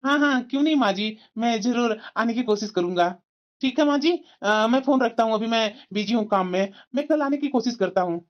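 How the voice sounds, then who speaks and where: A woman voicing a smooth-talking, cheating young husband in a cartoon, coaxing and evasive, full of fillers. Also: fairly high pitch, a little fast, muffled recording, close to an everyday voice. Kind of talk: cartoon voice acting.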